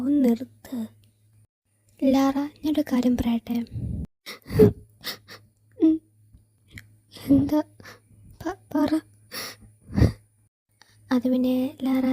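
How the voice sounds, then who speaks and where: A woman voicing two young women friends, one tearful, in an amateur audio drama, talking in hushed half-whispers. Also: high voice, breathy edge, dry recording, exaggerated voice.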